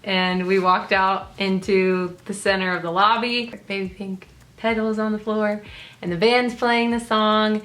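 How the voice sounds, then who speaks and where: A woman's voice: medium pitch, steady tone, unhurried, a bit bright. A young woman hosting a vlog, telling a story in a chatty, casual way with frequent "like" fillers. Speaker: vlogger and host.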